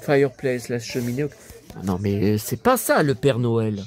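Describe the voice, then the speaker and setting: Slow, lively-toned older man. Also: mid-range voice. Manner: chatty, musing aloud, reading English words in a French way. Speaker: vlogger. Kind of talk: casual chat while leafing through a book.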